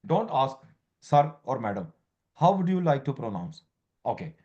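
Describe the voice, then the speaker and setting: A man's voice: mid-range voice, sing-song, moderate pace, a little mellow, muffled recording. A man lecturing a student as a law exam tutor, repeating key terms and quizzing her, in broken English. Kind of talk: informal lecture.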